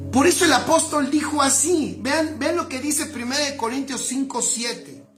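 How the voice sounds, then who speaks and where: A woman's voice: high-pitched, fairly bright tone. A woman preaching a sermon, speaking emphatically, repeating key phrases and addressing the listeners directly. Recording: echoey room with faint background music.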